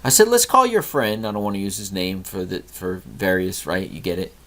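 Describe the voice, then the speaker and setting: Low-voiced yet pushed and bright, this middle-aged man talks a little fast and with animation. Hosting his podcast, he tells an earnest story about talking with his son and then lectures on being grateful, in monologue form.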